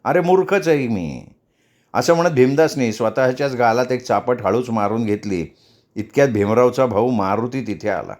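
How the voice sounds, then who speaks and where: A man's voice: mid-range voice, normal speed, a little mellow. Man narrating a story aloud. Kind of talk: audiobook narration of a novel.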